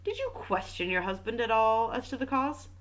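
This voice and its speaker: A woman's voice: on the high side, sing-song, normal speed, pitched above the performer's own voice, low-quality recording. A woman voicing a formal, probing male French magistrate in a casual read-aloud of a mystery novel. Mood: questioning. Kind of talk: audiobook reading with commentary.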